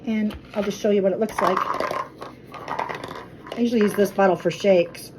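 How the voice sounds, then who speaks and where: Woman vlogger, chatty and friendly, mid-pitched, cooking-show patter over clear background noise. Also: fairly even intonation, moderate pace. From Colorado. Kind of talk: casual kitchen vlog. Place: home kitchen.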